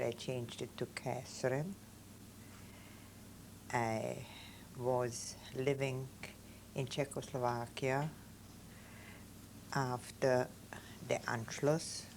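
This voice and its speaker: Giving oral history testimony as an interviewee, a Viennese woman in her 70s, a native German speaker, talks in slow, halting, simple phrases with a Viennese German accent. Her voice is extremely low and darkish, and a faint hiss or hum is present.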